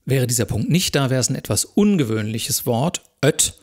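A man giving a recorded university lecture, working through exam questions step by step in a calm, methodical way and speaking directly to his viewers. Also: mid-range voice, brisk.

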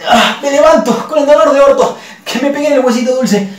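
A man with a Rioplatense accent telling a comic story in an animated, exclamatory way, swearing freely. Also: extremely high pitch, brisk, distant mic. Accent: Rioplatense Spanish. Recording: roomy, off-mic, faint noise.

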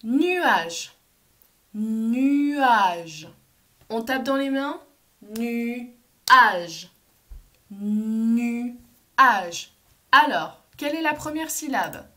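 A woman teacher, leading a phonics lesson for young children, slow and clearly articulated and encouraging. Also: sits high, big pitch swings, a bit bright. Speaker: kindergarten teacher.

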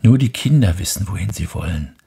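A man voicing a small, gentle, wondering boy prince in a hushed, breathy bedtime reading. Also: deep voice, expressive, fairly quick, heavily acted. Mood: earnest.

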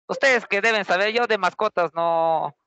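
A young man teaching a class, his voice pitched high and sounding bright and sharp, very close and dry. He speaks with a Peruvian accent and tells an anecdote in a lively, chatty way, often stopping to put rhetorical questions to his students. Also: normal speed, clean tone, dry recording, muffled recording. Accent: Peruvian Spanish.

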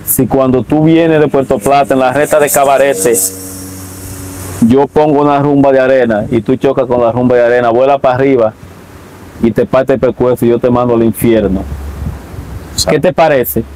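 A man's voice: medium pitch, fairly even intonation, a little fast, dark tone, a little hiss or hum, poor audio. A man with a Dominican accent telling a religious testimony as an interviewee, acting out the dialogue he recalls. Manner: vivid storyteller, acts out both sides of a conversation.

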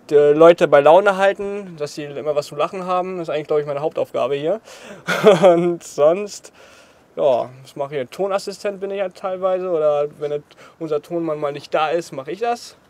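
A young Portuguese man in his twenties, a choreographer, is interviewed outside in front of a graffiti wall. His voice sits on the high side and is a little mellow, and he talks casually, laughing often between phrases.

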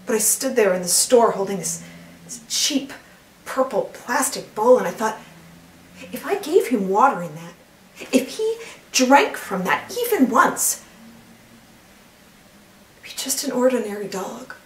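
A middle-aged woman playing an earnest, troubled woman in a dramatic monologue, pleading in a hushed, halting, sorrowful way. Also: a little high, big pitch swings. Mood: wistful. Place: indoor studio against plain backdrop. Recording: roomy, distant mic, background noise.

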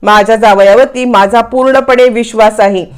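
A woman's voice: a little high, steady tone, normal speed, clear, resonant tone, natural voice. A woman narrator voicing a harsh, contemptuous mother-in-law who scolds her daughter-in-law. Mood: scornful.

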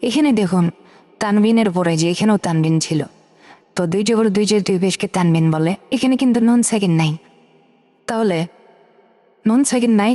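A woman teaching Quran reading, slowly spelling out letters and vowel marks and asking questions that she answers herself. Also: mid-range voice, warm tone, long reverb tail. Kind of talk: step-by-step spelling lesson.

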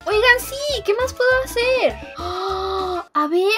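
A woman giving excitable gameplay commentary, laughing often and bursting into exclamations. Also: extremely high pitch, slow, loud music behind the voice. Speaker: gaming video host.

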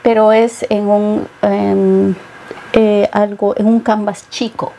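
Appearing as a guest in an interview conversation, a middle-aged painter from Peru speaks in a mid-range, gravelly yet mellow voice. Her delivery is flat and unhurried, thoughtful and full of hesitations, against a bookshelf studio set with a little hiss or hum.

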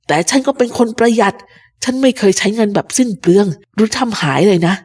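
A woman voicing a sick old male pirate captain who craves rum, talking slowly and low with strain. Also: lively intonation, a little mellow. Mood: defiant. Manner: slow, low, strained speech. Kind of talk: storybook reading.

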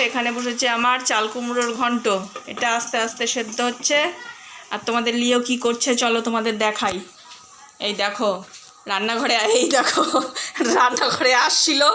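Woman home vlogger, high bright voice, chatty with sing-song coaxing, faint room noise behind. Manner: baby-talk to her dog, high sing-song coaxing. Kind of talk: casual home vlog chat. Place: home kitchen and yard.

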